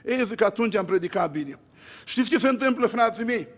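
A man's voice: high-pitched, animated, long reverb tail. A male pastor preaching a sermon, emphatic, with repeated lists and rhetorical questions.

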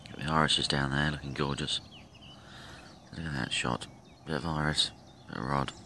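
A man with a very low voice gives relaxed, rambling commentary while he films by a lakeside. His camera mic is close, and clear outdoor and nature sounds carry along behind his words. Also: slight background noise. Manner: relaxed, rambling, thinking aloud with pauses. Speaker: angler filming his fishing trip. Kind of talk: casual self-filmed commentary. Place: outdoors by a lake. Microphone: handheld camera from behind the lens.

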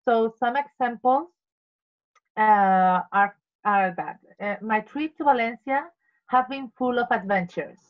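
A woman's voice: on the high side, unhurried. A woman presenting in an online meeting in careful non-native English, explaining and reading out definitions. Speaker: meeting member presenting word of the day. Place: video call. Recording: dull video-call audio.

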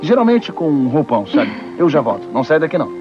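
A voice actor dubbing a wry, easygoing middle-aged writer who jokes easily, in a Brazilian Portuguese film dub. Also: male voice, fairly high pitch, very animated, fast, dull audio, over music. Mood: calm. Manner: wry, joking.

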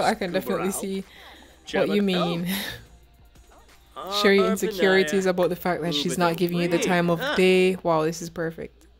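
A woman gaming YouTuber narrating her play in a chatty, giggly way. She gives her characters orders as she goes. Her voice sits in the middle range, and faint music plays underneath. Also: medium pitch. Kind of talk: let's-play commentary.

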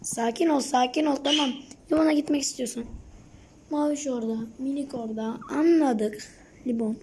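Young woman, high voice, coaxing and soothing, vlog at home, noisy recording. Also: fairly even intonation, moderate pace. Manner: coaxing, soothing, slips into soft whispers. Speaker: vlogger. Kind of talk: casual vlog talking to a pet bird. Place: home indoors.

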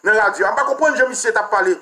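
Haitian guy ranting about politics, high voice, real sharp and bright, crude and mocking. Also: very fast. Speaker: political commentator. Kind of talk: heated political rant.

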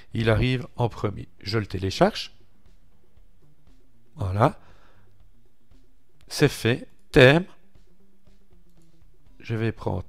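A man with a French accent hosts a screen-recorded software walkthrough, taking his time over every step. His speech is slow and unhurried, and he narrates each click with friendly little asides. Faint music plays quietly underneath. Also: medium pitch. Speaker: tech tutorial host.

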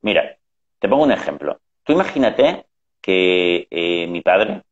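A man's voice: sits low, big pitch swings, a little slow. A middle-aged man telling family anecdotes in casual conversation, acting out the voices he quotes. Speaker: guest. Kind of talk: conversational storytelling. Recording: dull lo-fi sound.

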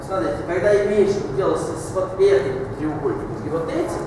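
With a high voice and a fairly quick pace, an older man teaches geometry at a classroom's large blackboard. He explains each step instructively, mixing in blunt corrections and terse orders. A far-off mic picks him up in a noisy room with hall-like echo.

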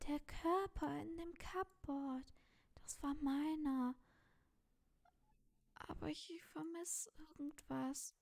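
A lost ghost pleading for its missing heart, read out by a woman in a slightly high, unhurried voice. It speaks slowly and plainly, as if reading game text aloud. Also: fairly even intonation, gravelly, a little mellow, exaggerated voice. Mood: puzzled. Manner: pleading, searching.

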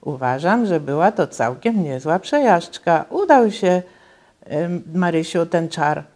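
A woman's voice: lowish voice, animated, unhurried, darkish tone. A woman voicing a father who grumbles at magic and then exclaims cheerfully, in a children's story read aloud. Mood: exclaiming. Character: grumbling father, wary of magic but giving in.

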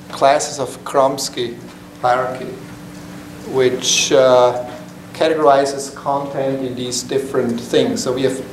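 Middle-aged man from Switzerland presenting to a meetup; halting, filler-heavy delivery, caught by a distant camera mic in an echoey, noisy room. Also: medium pitch, vocal fry, a little mellow. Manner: halting, many fillers and restarts. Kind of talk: technical talk to a small group. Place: conference room, standing by a projector screen. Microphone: far camera.

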